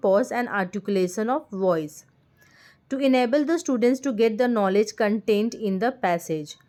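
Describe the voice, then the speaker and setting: A woman teacher, giving a lecture and reading out her notes. Her is read out slowly and her explanations in between are quick. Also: a little high, darkish tone. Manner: switches between slow read-out English and quick Hindi explanation.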